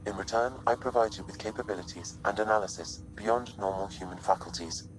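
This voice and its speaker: Voiced by a man, the game's calm male ship AI companion speaks formally and without emotion, his measured words run through a computer-processed synthetic effect. Pitch is fairly low, soft music plays behind him, and the audio quality is poor.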